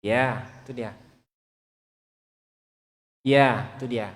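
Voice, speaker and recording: A man's voice: medium pitch, fairly even intonation, very slow. Man, Quran recitation teacher, patient, repeats sounds to copy, long reverb. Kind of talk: online recitation class.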